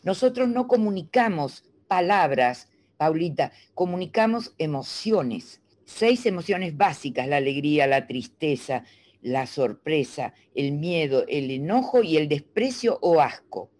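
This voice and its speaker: A middle-aged woman from Argentina, a speech coach explaining diction in a teacherly, animated way and demonstrating sounds. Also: deep voice, measured pace. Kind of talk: interview guest explaining.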